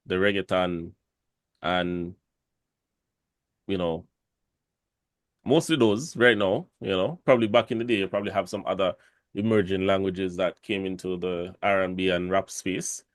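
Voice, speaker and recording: Jamaican guy chatting on a podcast, kinda low voice, dry sound, rambles a lot. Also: steady tone, normal speed, pauses often, no echo. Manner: rambling, many fillers and restarts. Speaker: podcast host. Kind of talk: casual podcast discussion.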